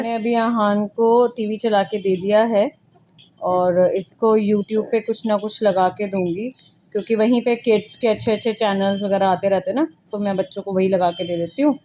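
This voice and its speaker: A woman's voice: medium pitch, a little mellow, highs cut off, slight background noise. A woman mother vlogging at home, talking to camera in an emphatic, lecturing way and scolding her child now and then. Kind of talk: casual vlog talking to camera. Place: indoors at home.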